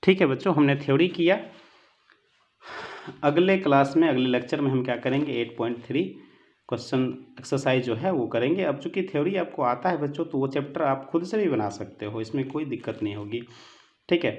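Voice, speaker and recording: A man gives an online lesson in an earnest, fatherly way and keeps calling his listeners children. He mixes English words into Hindi and his pitch sits in an ordinary middle range. The recording sounds muffled and lo-fi. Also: lively intonation, a little fast, darkish tone. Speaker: teacher. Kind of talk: online lecture with a moral talk.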